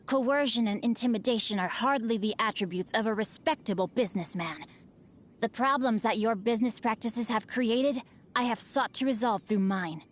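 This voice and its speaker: An actor playing a witty, refined young noble heir in a game, formal and wry. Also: male voice, sits high, normal speed, lightly acted. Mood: composed.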